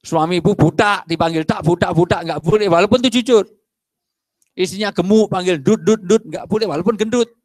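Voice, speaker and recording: A middle-aged male preacher, giving a lively sermon and acting out little dialogues. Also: high voice, fairly quick, dry recording, studio quality. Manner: animated, acts out dialogues and jokes with the audience. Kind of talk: lively sermon to a mosque congregation.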